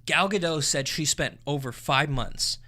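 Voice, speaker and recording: Bright-voiced excitable male podcast host. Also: on the high side, measured pace. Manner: excitable, profane, swings loud and soft. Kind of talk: casual movie review chat.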